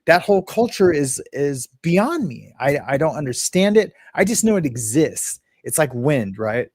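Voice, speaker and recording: Man, livestream host, slightly high voice, dry close sound, rambling and chatty. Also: sing-song, normal speed, a little mellow, no echo. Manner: rambling, greets chat viewers, frequent restarts and filler. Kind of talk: casual livestream commentary.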